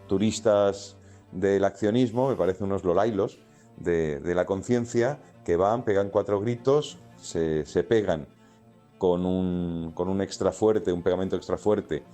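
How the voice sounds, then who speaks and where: A man in an interview clip, dismissive and halting as he searches for words. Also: sits low, warm tone, soft background music.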